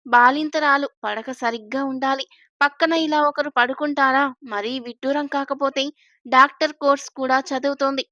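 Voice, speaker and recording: A woman's voice: high voice, fairly even intonation, normal speed, pushed and bright, no room sound, muffled recording. A woman voicing a scolding older mother-in-law. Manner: scolding, fussy.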